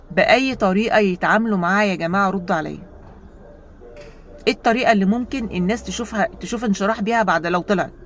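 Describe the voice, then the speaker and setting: An Egyptian woman vlogger telling a story in a casual monologue, animated and rhetorical, often turning to her viewers with questions. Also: mid-range voice, a little hiss or hum. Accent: Egyptian Arabic.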